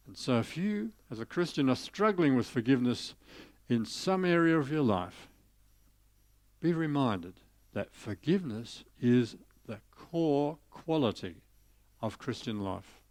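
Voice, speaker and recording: Animated male preacher telling a parable. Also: medium pitch, a little slow. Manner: animated storytelling, voicing characters in the parable. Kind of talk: sermon.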